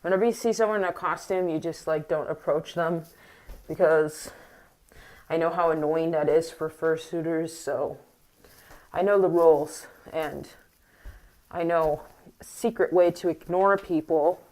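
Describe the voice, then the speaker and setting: Low-voiced woman rambling to camera. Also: fairly even intonation, a little slow, a little mellow, low-quality recording. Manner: rambling and hesitant, many fillers and restarts. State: a little squeaky from morning. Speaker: vlogger. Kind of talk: casual rambling monologue to camera. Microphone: wearing a mask.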